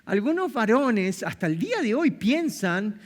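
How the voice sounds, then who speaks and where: A man's voice: sits high, very animated, measured pace. A man with an Argentine Spanish accent preaching a sermon as pastor, full of rhetorical questions and repeated phrases. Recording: long reverb of a big hall.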